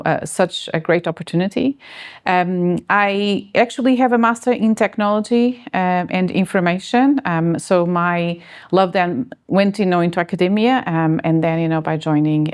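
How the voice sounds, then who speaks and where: Female interviewee from Portugal, forties, deep voice, halting delivery full of fillers. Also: steady tone. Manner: hesitant, many fillers and restarts. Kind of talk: casual interview answers.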